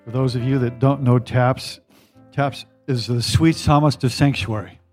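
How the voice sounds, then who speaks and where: A man of middle pitch speaks as a pastor, loosely introducing the next person to speak at a church service. Soft music sits faintly underneath. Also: steady tone, unhurried.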